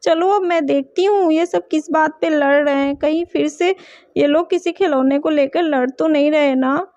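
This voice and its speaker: Woman doing a fussy worried mom in a doll cartoon, very high voice, dry. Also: normal speed, darkish tone, no echo. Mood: anxious, urgent. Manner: urgent, fussing. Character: worried caring mother of two. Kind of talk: doll story voice acting. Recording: dull dry home recording.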